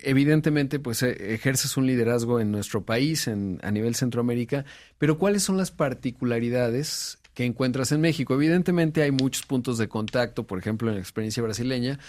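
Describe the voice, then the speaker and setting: Host asking measured questions. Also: male voice, mid-range voice, darkish tone. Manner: brief agreeing interjections, then measured questions. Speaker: podcast host. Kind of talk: casual interview conversation.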